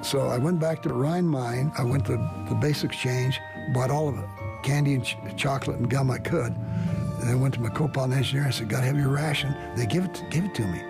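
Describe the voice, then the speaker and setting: An older man recounting his own wartime experience as a pilot, earnest and halting, with frequent restarts. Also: medium pitch, gravelly, over music. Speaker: veteran pilot telling a story. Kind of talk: storytelling, archival recording.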